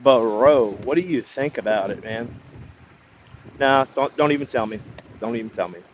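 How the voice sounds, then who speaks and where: Man, livestream chatter, profane, halting restarts; muffled lo-fi audio. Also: mid-range voice, animated, a little hiss or hum. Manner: rambling, profane, hesitant restarts. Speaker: livestreamer greeting chat. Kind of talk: casual livestream chat.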